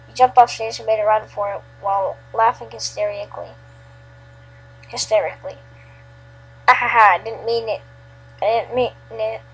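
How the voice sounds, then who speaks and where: A woman's voice: mid-range voice, a little mellow, husky, rough recording. A woman reading a second-person fan fiction story aloud, often stumbling and restarting. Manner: unscripted-sounding, frequent restarts. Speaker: story reader.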